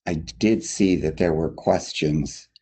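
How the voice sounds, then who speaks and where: A man, an agency director, giving a public briefing over a video call, his voice muffled as if through a wall and halting with frequent ums. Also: low-pitched, darkish tone, breathy edge. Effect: muffled audio, like through a wall. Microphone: video call connection.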